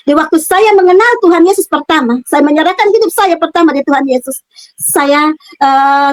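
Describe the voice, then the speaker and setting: High-voiced middle-aged woman giving testimony. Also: no room sound, rough recording. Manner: earnest, halting with repeated words and fillers. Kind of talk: personal religious testimony. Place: her own room.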